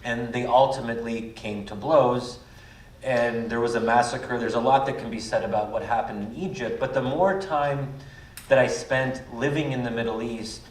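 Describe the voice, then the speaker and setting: A man's voice: medium pitch, fairly even intonation, normal speed. A man in his thirties, a guest at a public panel, speaking reflectively with many "um"s. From United States. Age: 30s. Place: public event hall. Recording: echoey hall, mic at a distance, faint noise.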